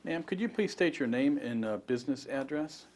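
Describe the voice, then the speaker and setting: Methodical male attorney, medium-pitched voice. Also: lively intonation, normal speed, darkish tone. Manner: polite, methodical, procedural. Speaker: plaintiff's attorney questioning a witness. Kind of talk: formal deposition questioning. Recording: faint room noise.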